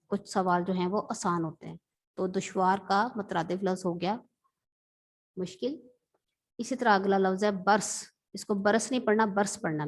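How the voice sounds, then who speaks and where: A woman teacher from Pakistan, giving a patient, explanatory vocabulary lesson and repeating words slowly. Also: medium pitch.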